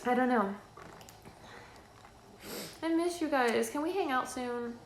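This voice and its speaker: A woman's voice: high voice, slow pace, a little hiss or hum. A woman playing a mischievous teenage girl hero student, rambling and teasing with lots of laughter in live cosplay role-play over a call. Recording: echoey live video call.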